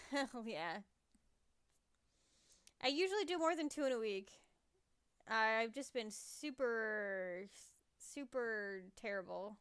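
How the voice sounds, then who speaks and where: A woman's voice: fairly high pitch, expressive, slow pace, pauses often, fairly bright tone, clean tone, dry recording. A woman streamer reading a game's narration aloud in a casual way, joking and stumbling over words now and then. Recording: music playing under voice. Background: game music.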